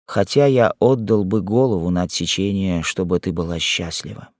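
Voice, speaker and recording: A man reading a troubled young husband's lines in a low, slow, tender way. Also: fairly even intonation, dry recording, studio quality, close to an everyday voice. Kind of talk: audiobook character reading.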